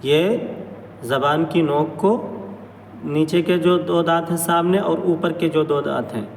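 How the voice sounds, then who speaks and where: Guy teaching arabic letter sounds, slightly high voice, stretches each sound out, echoey hall from a bit far off. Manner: drawn-out, careful articulation of Arabic letters. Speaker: Quran recitation teacher. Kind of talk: slow letter-by-letter pronunciation lesson. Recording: echoey hall, mic at a distance, faint noise.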